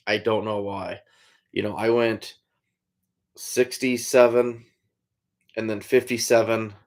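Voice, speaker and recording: A man chatting casually on a live stream, answering viewers in a laid-back way. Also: fairly low pitch. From Iowa, USA. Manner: laid-back, calls chatters "buddy", trails off with "I don't know". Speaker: trapper hosting a live stream.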